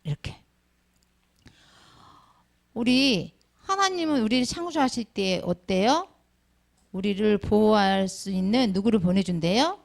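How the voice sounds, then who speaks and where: A woman's voice: medium pitch, lively intonation, measured pace, vocal fry, long pauses. A middle-aged woman teaching a Sunday school lesson, calling on children by name and asking them questions. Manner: calls on children by name and asks many questions. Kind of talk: children's sermon with questions to the class.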